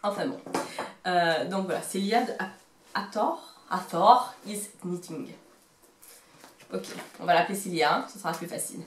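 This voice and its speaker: A woman's voice: fairly low pitch, moderate pace, long pauses, slight background noise. A woman in her thirties with a Marseille accent chatting casually about her knitting, rambling and hesitant, with self-mocking humor. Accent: Marseille French. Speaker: knitting vlogger. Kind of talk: casual show-and-tell chat. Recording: roomy echo.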